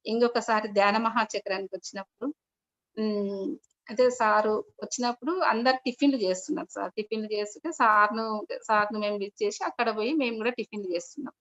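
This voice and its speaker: Speaking fast in a mid-range, slightly bright voice with a steady tone, a middle-aged woman recounts her meditation experience to an online meeting as personal testimony. Her story rambles, often restarting, and she keeps using polite forms of address. The video call audio is dull and lo-fi.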